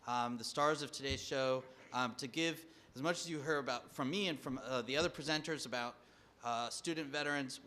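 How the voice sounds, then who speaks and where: A man's voice: medium pitch, pushed and bright. A man moderating a panel discussion, speaking conversationally with frequent fillers. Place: conference hall.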